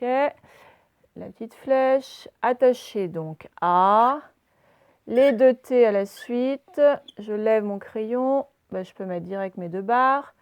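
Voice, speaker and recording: A woman's voice: on the high side, clear, resonant tone, no echo, muffled recording. A woman primary school teacher giving a remote lesson to young children, patiently spelling out letters and explaining each step as she writes. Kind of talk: remote class lesson, dictating and writing.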